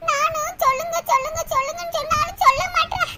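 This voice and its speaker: Cartoon old mother, wailing and tearful, very high voice, played by a woman, loud noise behind. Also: steady tone, fast. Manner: wailing, tearful, sing-song lament. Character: elderly mother, grieving over her married daughter.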